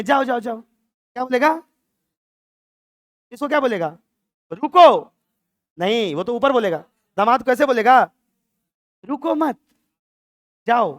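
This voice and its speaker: A man's voice: extremely high pitch, no room sound, clean studio sound. A man teaching physics in a playful classroom lecture, acting out dialogue lines in a mock-dramatic voice. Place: classroom with a board.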